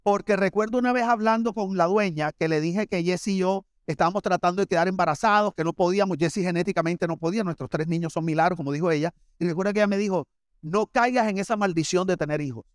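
A middle-aged pastor with a Barranquilla coastal Colombian accent delivers a sermon in a high, bright-pitched voice. He tells stories conversationally and speaks directly to the congregation with humorous asides. The sound is close and dry, with no room echo. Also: fast, few pauses. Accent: Colombian Caribbean coast (Barranquilla).

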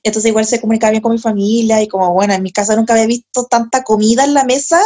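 A young Chilean woman with a Chilean Spanish accent tells a story from her own life in loose, slangy chat. Her voice sits a little high, and she swears freely. She laughs often as she goes. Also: steady tone, very fast, dark tone, soft background music. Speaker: podcast host.

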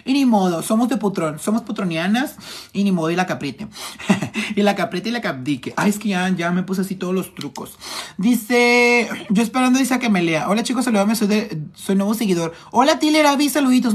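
A makeup artist from Tijuana, speaking with a northern Mexican accent, chats flamboyantly and teasingly on a phone live stream while reading out viewers' comments. His voice sits high and has a breathy edge.

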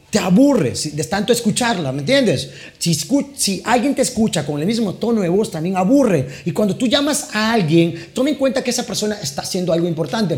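High-voiced man coaching with dramatic shifts. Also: a little mellow. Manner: deliberately varies tone, speed and volume; dramatic pauses and sudden bursts. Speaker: sales persuasion coach. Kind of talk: teaching lesson with role-played phone calls.

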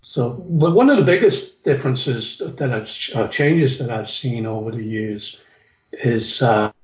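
On a slightly dull, echoey recording, a middle-aged Englishman shares stories of his younger days as an interview guest, reflective and occasionally restarting sentences. His mid-range voice is animated, a little slow and a little mellow.

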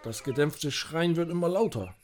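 A man's voice: a little high, lively intonation, moderate pace, darkish tone, natural voice. A man voicing a proud, weepy old knight who speaks in a grand, old-fashioned, mournful way, in an amateur audio drama. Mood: urgent.

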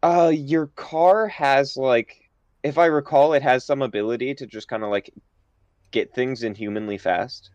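A man acting as game master, talking casually and haltingly with frequent restarts. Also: mid-range voice, darkish tone, dry recording, dull audio. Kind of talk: casual tabletop game chat.

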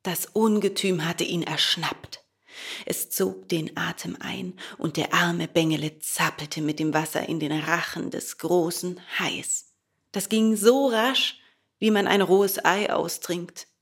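A woman reading a children's fairy tale aloud in a slow, expressive storytelling manner. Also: lowish voice, breathy edge.

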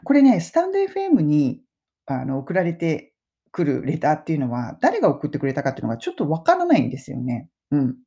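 A middle-aged woman with a low, dark, mellow voice gives a relaxed pronunciation lesson. She speaks, and her pitch rises and falls in a lively way as she chats. She slows right down to model English phrases for repetition. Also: vocal fry. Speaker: English pronunciation teacher and podcast host. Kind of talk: casual spoken lesson.

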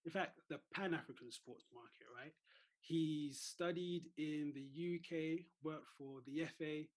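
A man's voice: on the high side, unhurried. A man hosting a sports business podcast from home, friendly and hesitant with many fillers. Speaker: podcast host. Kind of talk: casual podcast interview.

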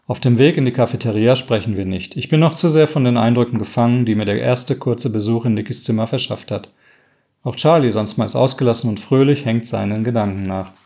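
A man reading a first-person story aloud in a calm, measured way, now and then correcting himself mid-sentence. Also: medium pitch, creaky. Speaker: story reader.

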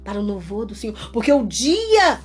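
A woman with a high voice preaching in a conversation, emphatic, repetitive and full of rhetorical questions. Soft music plays faintly behind her. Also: sing-song, normal speed. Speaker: preacher leading a religious talk.

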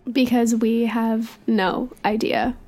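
A woman's voice: on the high side, steady tone, slow pace, darkish tone. A woman co-hosting a podcast in casual chat, with a nasal voice, congested from being sick. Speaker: podcast co-host.

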